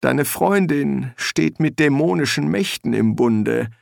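A dry, offhand talking dog who muses aloud, his voice somewhat above the reader's own and lively, as a male reader puts him on. The sound is dry and close, gravelly at the edges. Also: on the high side, slow, no echo, pitched above the performer's own voice, full character voice. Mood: musing.

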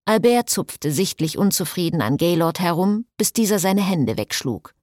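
Audiobook narrator, woman, lively pitch, dry close studio sound. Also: normal speed, no echo.

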